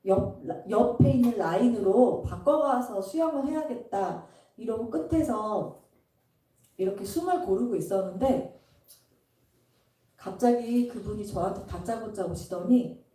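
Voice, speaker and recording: A middle-aged woman shares her testimony from the front of a church, her voice mellow and a little high. She tells her story vividly and acts out the voices of the people in it. The sound carries a heavy echo, as if the mic is set back in a large hall. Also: lively intonation, a little slow. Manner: storytelling, acting out quoted dialogue. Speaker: pastor's wife giving a testimony. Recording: echoey hall, mic at a distance.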